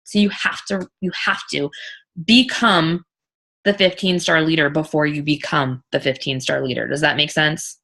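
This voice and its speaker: A woman with a slightly low, bright and forceful voice coaches her team informally. She is blunt and emphatic, hammering points by repetition and swearing casually. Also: fairly even intonation, normal speed, creaky. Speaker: team leader and business coach. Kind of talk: informal live coaching talk.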